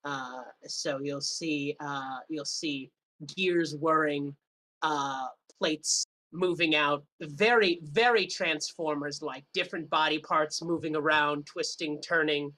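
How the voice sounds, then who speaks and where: A man describing his character's actions as a tabletop player, halting with many fillers. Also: on the high side, steady tone, sharp tone, poor audio.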